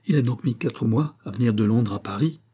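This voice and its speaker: A man's voice: mid-range voice, fairly quick, dark tone, breathy edge, close to an everyday voice. A man voicing a fearful older noblewoman in an audiobook, murmuring anxiously.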